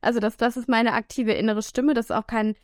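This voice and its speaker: A woman's voice: on the high side, level tone, fairly quick, darkish tone, no room sound, studio quality. A woman co-hosting a casual podcast chat, speaking frankly and joking about herself. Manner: frank and playful, laughs at herself. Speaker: podcast co-host.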